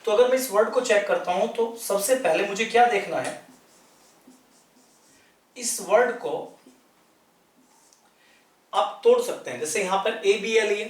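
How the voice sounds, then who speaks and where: A man explains English vocabulary in Hindi in a repetitive, classroom manner. His voice sits high for a man. The room adds a noticeable echo. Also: unhurried, long pauses. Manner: repetitive, explanatory, spells words letter by letter. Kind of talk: explaining lesson in Hindi at a chart.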